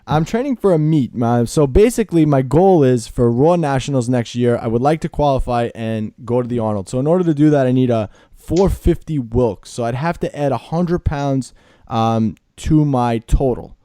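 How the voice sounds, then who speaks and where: A man in his late twenties hosting a casual podcast interview, speaking in a relaxed, matter-of-fact way. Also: medium pitch, normal speed, dry recording, clean studio sound. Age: late 20s. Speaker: podcast host.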